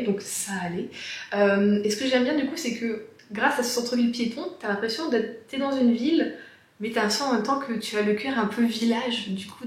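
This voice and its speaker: Young woman booktuber, fairly high voice, rambling chat, echoey office sound. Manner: chatty and rambling, many fillers and restarts. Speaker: book vlogger answering viewer questions. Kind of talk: casual chat to camera. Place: small home office with resonant walls.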